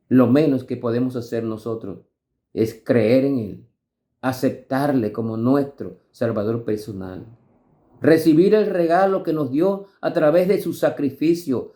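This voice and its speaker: At a church devotional service, a pastor with a higher-pitched, dark-toned voice reads scripture in a devotional sermon. He urges his listeners on with emphatic, rising stresses.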